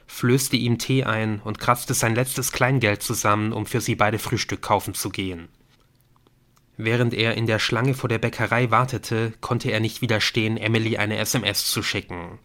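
Man reading a novel aloud. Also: on the low side. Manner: steady, measured reading. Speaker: audiobook narrator. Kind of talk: scripted narration.

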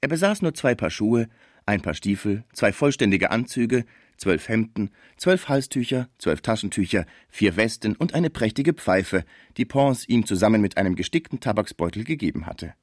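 A man's voice: on the low side, animated, moderate pace, no echo, clean studio sound. A man narrating a classic novel as an audiobook, telling the story expressively.

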